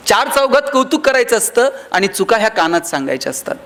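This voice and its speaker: A man's voice: sits high, very animated, fast talker, a bit bright. A man giving a motivational speech to a live audience, telling humorous stories and acting out the voices of the people in them. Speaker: motivational speaker.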